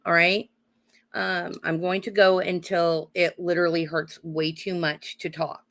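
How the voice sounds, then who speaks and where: A woman with a cold, her voice going hoarse, giving live psychic card readings and calling her viewers honey and darling while checking in with "okay?". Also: lowish voice, flat delivery, unhurried, fairly bright tone. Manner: calls viewers honey and darling, adds "okay?" tag questions.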